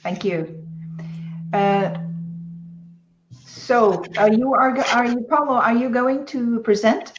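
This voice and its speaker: Slow, hesitant woman moderating online. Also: on the high side, noisy background. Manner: hesitant, many fillers. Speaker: event moderator. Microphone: video call. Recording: roomy, dull lo-fi online call.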